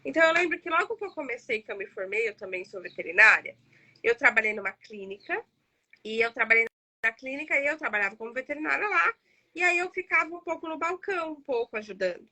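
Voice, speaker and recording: Bright-voiced emotional Brazilian woman storyteller. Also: high voice, expressive, fast talker. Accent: Brazilian Portuguese. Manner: emotional, chatty, addresses the audience directly. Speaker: therapist and host of a live discussion circle. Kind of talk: personal storytelling in a live chat.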